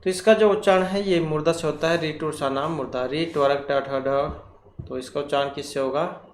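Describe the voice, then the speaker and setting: A man teaching Sanskrit grammar for exam preparation. He works through quiz questions slowly and deliberately, asks himself questions and repeats the key terms. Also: fairly high pitch, fairly even intonation. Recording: echoey room, faint ambient noise.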